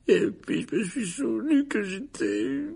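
A man's voice: very high-pitched, animated, vocal fry, a little mellow, husky, voice pushed up, heavily acted. A man voicing a weepy, self-pitying ghost girl who sobs and draws out her words. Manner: sobbing, slow and drawn-out.

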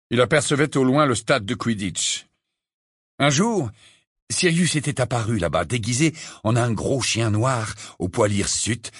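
A man narrating an audiobook in an expressive, dramatic reading. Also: mid-range voice, husky, dry recording, studio quality. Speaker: audiobook reader. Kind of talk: scripted narration.

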